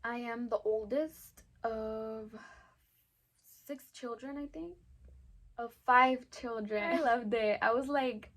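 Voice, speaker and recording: A woman's voice: a little high, slow. A woman in her twenties with an El Paso Texan accent, talking casually to camera in a Q&A, with lots of "um"s and "like"s. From Texas, USA. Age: 20s. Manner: chatty, many "um"s and "like"s. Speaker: vlogger.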